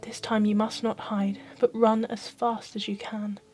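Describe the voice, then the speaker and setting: Woman reading as a polite lil talking bread loaf, storybook, calm n clever, soft music. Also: medium pitch, measured pace, natural voice. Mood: urgent.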